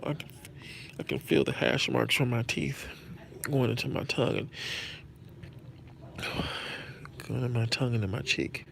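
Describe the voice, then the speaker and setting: Gravelly man with numb-mouthed speech. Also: medium pitch, fairly bright tone. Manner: halting, repeats phrases. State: numb left side of face and tongue after a stroke. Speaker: live-streaming host. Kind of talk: casual chat to viewers. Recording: noticeable background noise.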